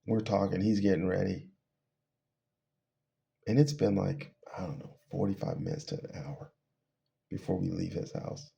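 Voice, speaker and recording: A man's voice: deep voice, steady tone, moderate pace, vocal fry, long pauses, warm tone, lo-fi sound. A middle-aged man casually telling a personal testimony, rambling and laughing between phrases as he trails off. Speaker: storyteller.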